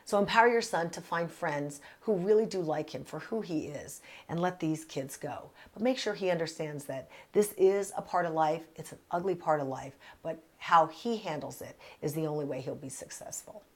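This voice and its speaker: A woman's voice: low-pitched, normal speed, few pauses, a little mellow. A woman in her fifties hosting a casual advice vlog from a small closet, speaking in an earnest, direct, conversational way. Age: 50s. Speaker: parenting vlog host answering a letter.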